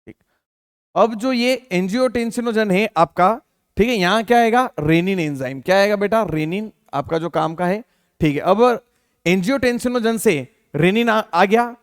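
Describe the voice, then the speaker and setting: A man's voice: sits high, normal speed, clear, resonant tone, dry recording. Man teaching biology in a dry, close recording. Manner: asks students questions and answers them himself, repeats terms; calls listeners beta, many fillers like theek hai. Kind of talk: Hindi exam-prep lecture.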